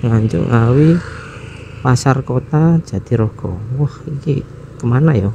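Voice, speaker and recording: With a medium-pitched, gravelly, warm voice, a man narrates his motorcycle ride through city streets for his motovlog. Traffic and engine noise sit behind him as he chuckles, muses aloud without hurry, and wonders where to go next.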